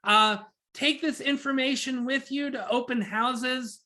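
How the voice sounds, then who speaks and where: A man giving a rapid, enthusiastic webinar presentation over a video call, talking like an auctioneer. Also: extremely high pitch, fairly even intonation, sharp tone. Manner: rapid, enthusiastic, self-described nerd. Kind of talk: fast-paced webinar presentation.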